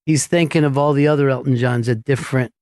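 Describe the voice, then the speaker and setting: A man's voice: mid-range voice, fairly even intonation, fast talker, a little mellow, no room sound. A man hosting a radio talk show, chatting casually at a studio microphone and drawing out words for emphasis.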